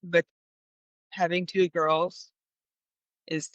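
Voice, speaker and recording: A woman's voice: on the low side, extremely slow, no echo. A woman in her thirties, a podcast guest, sharing candid stories with frequent laughs and restarts. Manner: animated, laughing, many restarts. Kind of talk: candid storytelling chat.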